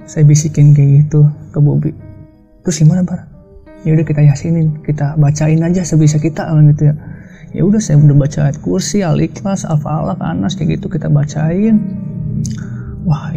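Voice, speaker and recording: A man telling a story of his own in a casual, hushed, halting way, often quoting himself and others. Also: on the high side, steady tone, vocal fry, husky. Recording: dull lo-fi sound with faint music.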